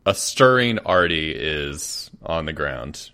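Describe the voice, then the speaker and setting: A man's voice: rumbling low, animated, takes it slowly, bright, forceful tone. A man playing a tabletop role-playing game, laughing often and talking through his character's plans. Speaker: player.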